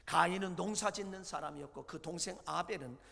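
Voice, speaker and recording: A man preaches a sermon with a high, bright voice roughened by gravel. He retells scripture dramatically, swinging from loud peaks to low, hushed lines. The sound carries the long reverb of a church hall. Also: fairly quick. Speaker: pastor. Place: church sanctuary.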